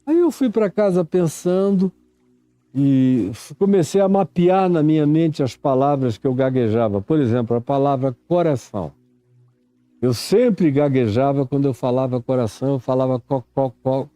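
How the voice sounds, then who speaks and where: A man in his seventies with a Brazilian Portuguese accent, a preacher telling a reflective story in a sermon, unhurried and reminiscing. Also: mid-range voice, animated, mellow, dry recording. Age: 70s. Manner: slow, unhurried, reminiscing, acts out stammering syllables.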